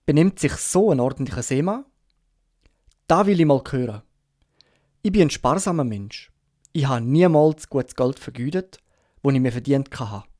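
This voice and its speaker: A Swiss German man voicing a sick, gruff old sea captain in an audiobook, urgent and pleading in rough sailor talk. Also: mid-range voice, expressive, moderate pace, pauses often, warm tone, no room sound, studio quality, lightly acted. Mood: defiant, gruff. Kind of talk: audiobook character reading.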